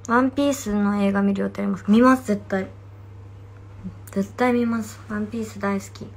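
Young fukuoka girl w/ hakata accent, chatty livestream, reads comments, sometimes drops to a soft whisper. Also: medium pitch, steady tone, moderate pace, creaky. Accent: Hakata dialect. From Fukuoka, Japan. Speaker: idol livestreaming to fans. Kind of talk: casual livestream chat reading comments. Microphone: phone livestream.

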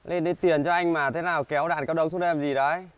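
A young man, acting a gruff, threatening car owner in a comedy sketch. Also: a little high, steady tone, no room sound, lo-fi sound, natural voice. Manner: gruff, threatening, quick to shout. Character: tough-faced man, menacing bully of a car owner.

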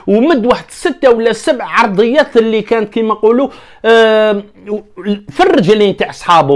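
With a high voice and an Algerian Arabic accent, this young man rambles excitedly through his casual football commentary vlog, addressing viewers as his brothers.

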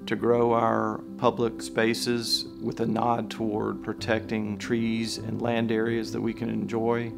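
A man, a city official, speaking in a measured, steady way in a documentary interview. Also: lowish voice, vocal fry. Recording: music bed underneath.

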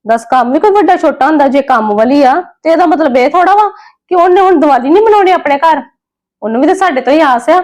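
A woman playing a kindly middle-aged lady of the house who soothes and gently lectures her maid, in a family drama skit. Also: high voice, animated, fast. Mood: musing. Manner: soothing, gently scolding, preachy.

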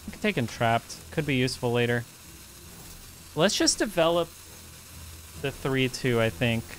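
A man's voice: medium pitch, animated, moderate pace, slight background noise. A man streaming a card game, chatting casually and thinking through his moves aloud with plenty of fillers. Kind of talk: casual gameplay commentary.

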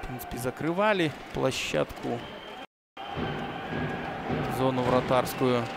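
A man commentating live on ice hockey, with excited goal calls. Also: medium pitch, slow, vocal fry. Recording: very noisy arena, loud background ambience.

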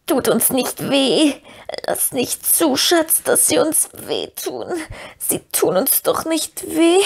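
A woman's voice: high voice, vocal fry, husky, pitched above the performer's own voice, heavily acted. A woman voicing a pitiful, sly creature in an audiobook, with a hissing, whispery, wheedling whine. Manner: wheedling, self-pitying, talks to "precious". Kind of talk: audiobook reading.

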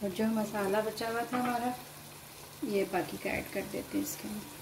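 A home cooking channel host speaks directly to her viewers from her kitchen stove, explaining a recipe calmly, one step at a time. She has an Urdu-influenced Hindustani accent, a medium pitch and normal pace, and there's background noise in the recording.

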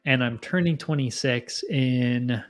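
A man in his mid-twenties hosts a laid-back livestream from his home bar, with bottle shelves behind him and a boom mic in front of his face. He talks slowly, rambling and poking fun at himself as he chats with viewers.

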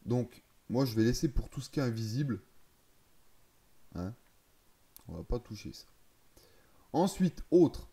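Guy walking through game options, kinda hesitant, stops to correct himself, warm mellow voice. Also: mid-range voice, sing-song, measured pace, long pauses. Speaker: gaming video creator. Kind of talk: casual explanation of game settings.

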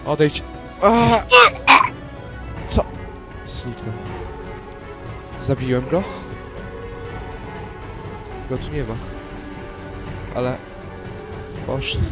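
Guy doing a jumpy hermit adventurer in minecraft, mumbling to himself, loud game music behind him. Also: mid-range voice, big pitch swings, drawn-out words, pauses often. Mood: pleading. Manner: nervous, talks to himself while exploring. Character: young male hermit adventurer, anxious but loyal. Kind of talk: Minecraft role-play narration.

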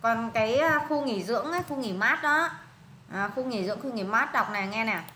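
A woman's voice: a little high, expressive, brisk, roomy sound, background noise. A woman with a Vietnamese accent tutoring a student one-on-one in English pronunciation, patiently repeating words and prompting answers.

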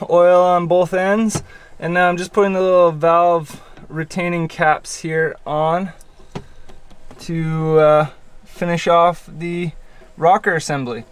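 A man's voice: high voice, flat delivery, measured pace, clean tone, rough recording. A man casually narrating how he rebuilds a boat engine, chatty and self-deprecating, working in a cramped engine bay below deck.

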